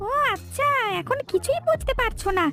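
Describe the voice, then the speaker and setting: A woman's voice: very high voice, very animated, normal speed, a bit bright, heavily acted. A woman voicing an indignant, gossiping village woman in a cartoon dub. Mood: accusing. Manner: indignant, reproachful. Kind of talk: cartoon dubbing. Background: faint music.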